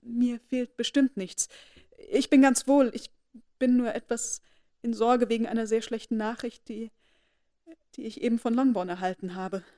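A woman's voice: a little high, fairly even intonation, normal speed, warm tone, natural voice. A woman reading aloud, voicing a distressed young lady who speaks urgently and falters near tears. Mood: shaken. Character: distressed young lady, anxious for her sister.

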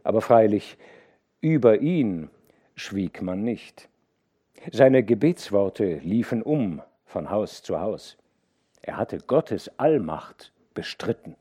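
A man narrating a classic novel as an audiobook, with measured, expressive storytelling. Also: lowish voice, breathy edge. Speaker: audiobook reader.

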